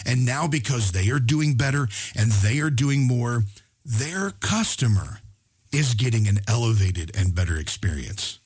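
A man hosting a show, telling a personal story and drawing a motivational lesson, earnest, often restarting his words and slowing down to stress key points. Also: mid-range voice, sing-song, darkish tone, slightly rough. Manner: earnest, frequent stammered restarts. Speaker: podcast host.

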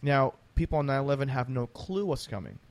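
A man's voice: mid-range voice, animated, fairly quick. A man hosting a conversational interview, talking emphatically and repeating phrases to drive points home. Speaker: interview host.

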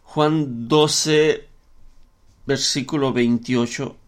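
A man's voice: mid-range voice, fairly even intonation, extremely slow. A man preaching a sermon in an earnest way, often repeating words and using fillers as he works through scripture.

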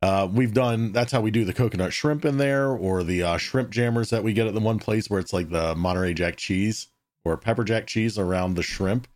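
A man's voice: fairly low pitch, a little fast, darkish tone. A man hosting a casual podcast chat, talking in a laid-back, rambling way and swearing now and then. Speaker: podcast host.

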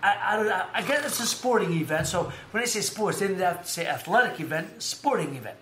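A man with a slightly high voice talks boxing and sports in a loose, rambling way, stacking up fillers and restarts as he goes. His voice rings in an echoey room, with a faint hum of ambience behind him. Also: brisk. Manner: rambling, animated storytelling with many fillers. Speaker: podcast host. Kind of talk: casual sports chat.

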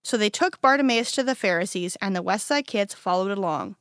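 A woman narrating a children's Bible storybook in a clear, steady way. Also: mid-range voice, fairly quick, no echo, studio quality.

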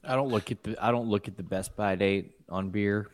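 A man's voice: fairly low pitch, fairly even intonation, a little fast. A man co-hosting a casual podcast, questioning the others skeptically and pressing for answers. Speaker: podcast co-host. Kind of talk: casual chat.

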